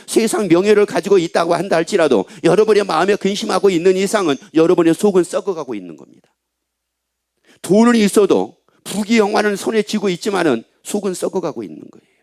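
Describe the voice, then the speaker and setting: A man's voice: sits high, creaky, a little mellow. A middle-aged male pastor preaching a sermon in a church, emphatic and often asking the congregation questions. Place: church sanctuary.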